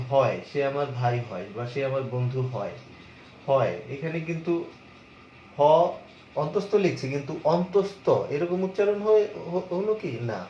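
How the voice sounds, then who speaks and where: A man's voice: fairly high pitch, a little mellow, slight background noise. A man from Bangladesh, a college lecturer, explaining step by step and answering his own questions. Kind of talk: lecture on pronunciation. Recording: echoey, muffled room recording.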